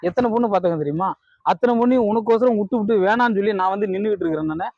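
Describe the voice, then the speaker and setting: A man rants and pleads as a jilted lover in a village comedy sketch. His voice sits high and the words tumble out fast. The recording is dull and lo-fi, with a dry sound. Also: gravelly, no room sound. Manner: angry, pleading, repetitive rants. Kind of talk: improvised village comedy skit.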